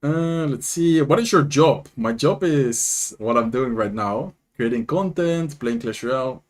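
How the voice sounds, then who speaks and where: This young streamer and content creator has a Dutch accent and a medium-pitched voice at a measured pace. Animated and talkative, he chats casually with his live audience, answering their messages and commenting on the matches.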